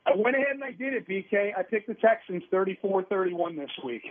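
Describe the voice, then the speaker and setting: Sports radio guy phoned in: high, husky, emphatic, tinny phone line. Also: animated, fast talker. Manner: emphatic, piles up examples. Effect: heard over a phone line. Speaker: sports radio host calling in as guest. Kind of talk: sports analysis chat. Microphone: telephone.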